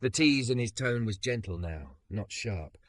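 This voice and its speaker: Male narrator, lowish voice, bright, very animated delivery, dry sound. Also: measured pace, dry recording. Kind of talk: scripted narration.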